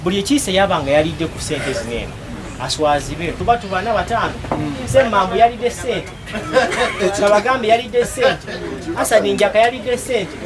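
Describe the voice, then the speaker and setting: A man's voice: high-pitched, moderate pace. A man from Uganda, a municipal councillor, speaking in an accusing tone and listing names one after another. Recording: noisy crowd behind.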